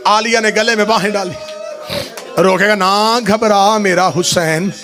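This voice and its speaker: A man reciting a mourning elegy at a religious gathering, dramatic and grieving, rising at times to chanted shouts. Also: high voice, steady tone, unhurried.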